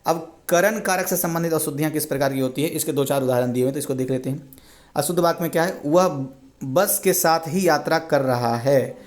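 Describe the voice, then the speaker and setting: Guy tutoring hindi grammar, kinda high voice, reads a wrong sentence then fixes it, repeats stuff a lot. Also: a little fast. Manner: explains each correction, repeats and self-corrects. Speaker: exam prep teacher. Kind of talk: reading and correcting Hindi sentences.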